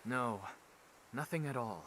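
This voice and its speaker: An actor playing an earnest, urgent holy knight in a video game, speaking in a formal, dramatic way. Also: male voice, mid-range voice, a little slow, a bit bright, slight background noise, close to an everyday voice, rough recording. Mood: grave, formal. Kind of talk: scripted video game voice acting.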